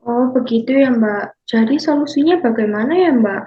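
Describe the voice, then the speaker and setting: In a class role-play, a woman with a slightly high, everyday-sounding voice plays a 65-year-old grandmother seeing a counselor. She speaks slowly, politely and deferentially, calling the counselor "Mbak," in a scripted consultation. The recording is muffled and lo-fi.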